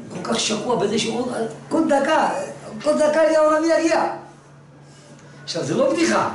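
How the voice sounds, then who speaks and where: Animated male religious teacher telling stories in class; distant mic, noisy background. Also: sits high, very echoey. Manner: animated storyteller, swings from hushed to loud. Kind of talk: storytelling lesson to a class.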